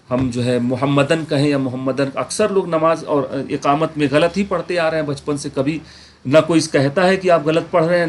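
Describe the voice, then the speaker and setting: Slightly high-voiced man teaching a class. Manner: explains patiently, asks students rhetorical check-in questions; repeats words slowly to demonstrate pronunciation. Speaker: Quran and Arabic grammar teacher. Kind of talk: online class lecture.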